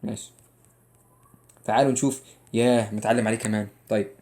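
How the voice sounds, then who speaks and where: A man's voice: on the low side, steady tone, quick pace, dark tone. A young man with an Egyptian Arabic accent teaching an English lesson, joking and teasing his students and drilling each rule over and over. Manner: jokey, teasing, drills rules by repetition. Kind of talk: playful exam-prep lesson.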